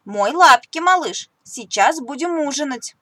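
A woman's voice: high-pitched, lively intonation, unhurried, pushed and bright, no room sound, pitched above the performer's own voice, heavily acted. A woman voicing a caring but stern mother mouse who scolds her son in a storybook reading. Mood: gentle.

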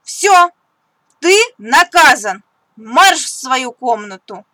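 A woman's voice: high-pitched, animated, takes it slowly, bright, forceful tone, no echo, voice pushed up, exaggerated voice. A woman voicing a caring but stern mother mouse who scolds her son in a storybook reading. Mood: scolding.

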